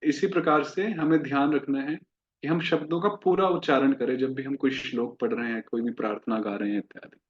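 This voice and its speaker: A man teaching Sanskrit pronunciation in a classroom lesson, drawing out each word slowly and asking his listeners questions as he explains. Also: medium pitch, fairly even intonation. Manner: slow, drawn-out demonstration of each word. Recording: dull lo-fi recording.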